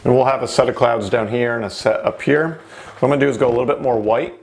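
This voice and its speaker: A man's voice: medium pitch, fast, vocal fry, darkish tone. A man giving an informal painting lesson in the manner of a TV painting instructor, talking through each step as he works. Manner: informal, narrates each step while working.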